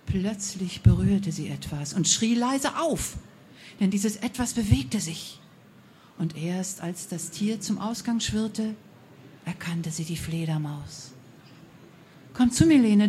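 A woman telling a fairy tale aloud, expressive, with a few slips and self-corrections. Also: mid-range voice, unhurried, slight background noise. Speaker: storyteller.

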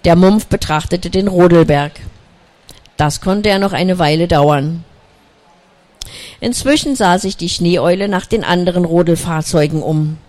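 A storyteller reading a children's story aloud in a calm, unhurried way, with small slips. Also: mid-range voice.

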